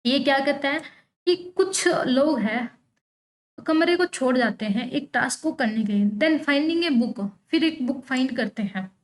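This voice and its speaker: A woman teaching an online exam-prep lecture, reading English lines out slowly and then explaining them, asking questions and answering them herself. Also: sits high, lively intonation. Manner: peppers explanations with checking tags like "theek hai".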